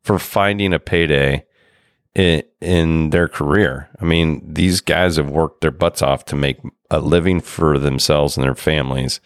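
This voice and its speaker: Low-voiced casual male podcast host. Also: unhurried, no echo, studio quality. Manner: relaxed, chatty storytelling. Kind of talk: casual golf podcast chat.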